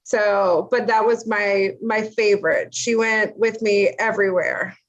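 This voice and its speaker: A woman's voice: mid-range voice, fairly even intonation, unhurried, muffled recording. A woman guest on a podcast, a teacher, chatting in a self-mocking way. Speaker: guest, math educator. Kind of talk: casual podcast interview.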